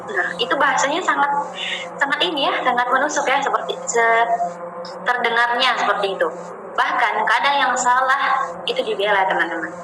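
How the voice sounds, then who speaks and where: A woman teaching an informal Islamic study session in a gentle way, often repeating phrases and speaking directly to her listeners as friends. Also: on the high side, fairly quick, noisy background. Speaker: ustadzah leading a religious study session. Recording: roomy sound with music playing behind.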